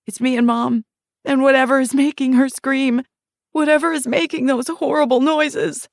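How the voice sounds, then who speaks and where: A woman narrator takes on the voice of a terrified young woman, pitched high like the little girl she used to be. She remembers in breathless, shaky phrases with a gravelly edge, at a moderate pace and fairly even intonation. The sound is dry and close, with no echo.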